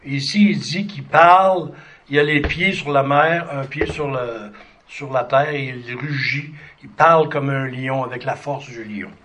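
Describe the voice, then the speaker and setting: A man's voice: mid-range voice, a little slow, fairly bright tone, slight background noise. A man preaching in a conversational way. He breaks off into fillers and restarts and reads scripture aloud. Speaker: preacher teaching a Bible study. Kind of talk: sermon-style Bible teaching.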